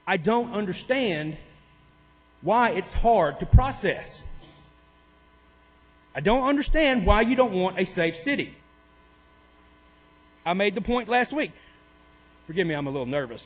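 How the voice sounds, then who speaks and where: A man's voice: high voice, lively intonation, takes it slowly, long pauses. Heated man in an echoey council hall. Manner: heated, sarcastic, driving home points with repeated questions. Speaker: city worker speaking at public comment. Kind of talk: impassioned public comment speech. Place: city council chamber. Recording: tinny, echoey hall with mains hum.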